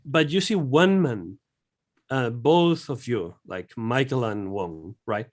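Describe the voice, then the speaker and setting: A man narrating as game master of a tabletop horror game, halting and full of fillers. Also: mid-range voice, animated.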